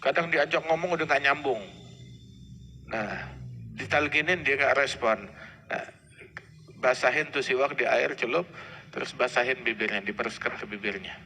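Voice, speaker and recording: Preacher with gravelly voice. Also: male voice, medium pitch, normal speed, pauses often, bright, forceful tone. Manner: conversational, acts out dialogue. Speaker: Islamic preacher. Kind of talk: sermon storytelling. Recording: reverberant hall with faint noise.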